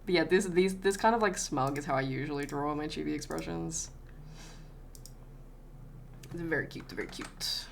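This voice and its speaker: A woman's voice: low-pitched, normal speed, gravelly, pauses often, noisy background. Sweary Australian woman streaming casually. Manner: chatty and sweary, greets viewers. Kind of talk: casual live-stream chat while drawing.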